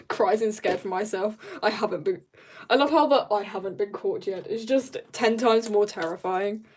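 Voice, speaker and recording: On an art livestream, a young woman in her teens or early adulthood talks while drawing, giggly and slangy, drifting between asides. She speaks at a moderate pace in a mid-range voice, with slight background noise present.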